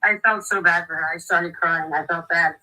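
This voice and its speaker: A woman's voice: fairly low pitch, fairly even intonation, moderate pace, bright, forceful tone, poor audio. A woman in casual chat, speaking earnestly and sympathetically.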